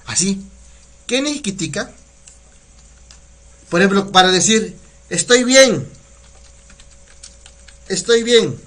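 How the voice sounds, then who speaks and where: A man's voice: high-pitched, sharp tone. A man with a Mexican Spanish accent teaching words on a live community radio broadcast, patient and repeating each word, often checking in with his listeners. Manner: patient, repeats words slowly, asks "¿sale?". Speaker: Nahuatl language teacher.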